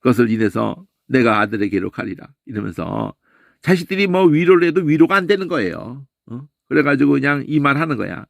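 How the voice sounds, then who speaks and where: A man teaching a Bible lesson in an animated way, often tossing in a questioning "eh?" and imitating sounds. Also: medium pitch, brisk, creaky, no echo. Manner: animated, keeps asking "eh?" and mimics voices and sounds.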